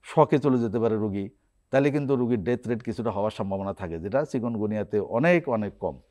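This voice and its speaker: A man's voice: lowish voice, lively intonation, quick pace, mellow. A man, a guest doctor, explaining symptoms and remedies step by step on a TV health program in a studio.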